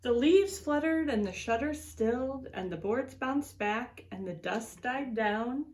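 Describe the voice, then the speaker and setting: A woman educator reads a picture book aloud to children in a voice on the high side. Her storytelling is deliberate and expressive, and she draws out her words.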